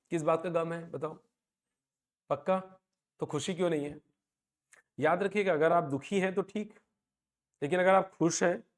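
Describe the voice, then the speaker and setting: A man in his thirties teaching a live online coaching class, talking to students in a motivating, conversational way. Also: sits high.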